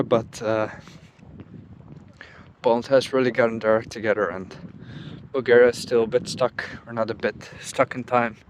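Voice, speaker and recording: A young man vlogging while walking outdoors through a small town, musing aloud in a relaxed, casual way. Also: mid-range voice, a little hiss or hum. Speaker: travel vlogger. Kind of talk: casual walking vlog narration.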